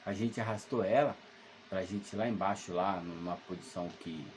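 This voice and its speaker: This is a low-voiced man from Salvador, Brazil, in his 50s, at normal speed, sharing a ghost story from when he was a kid. He's home by himself and talks loosely, hesitating, restarting and leaning on fillers. A faint hiss or hum runs under the recording.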